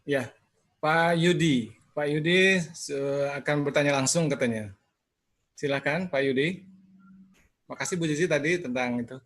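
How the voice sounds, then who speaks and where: A man moderating a webinar over a video call, brisk and polite. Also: fairly high pitch, fairly bright tone.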